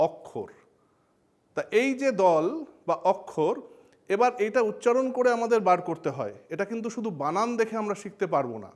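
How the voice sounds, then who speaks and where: A man with a Bengali accent explains grammar in a bright, high voice. He teaches in a playful way, tossing questions straight at his students as he goes. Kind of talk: educational explainer lesson.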